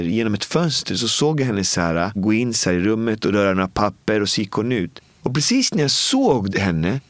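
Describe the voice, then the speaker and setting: A man in his forties with a fairly low voice tells a personal story in a casual, heartfelt way, full of everyday filler words and quoted exchanges. He is recorded close and dry, with no room sound. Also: dry recording. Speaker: guest.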